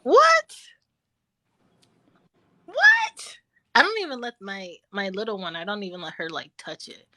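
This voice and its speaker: A woman in casual chat, telling animated stories about her children and acting out their voices. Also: medium pitch, fast, hardly any pauses, no echo. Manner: animated storyteller, acts out her kids with squeals.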